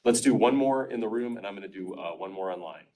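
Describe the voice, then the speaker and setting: A very deep-voiced man chairs a county meeting, answering the public with an assured, reassuring politician's cadence. He sounds set back from the microphone. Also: quick pace, dark tone. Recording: distant mic in a meeting room.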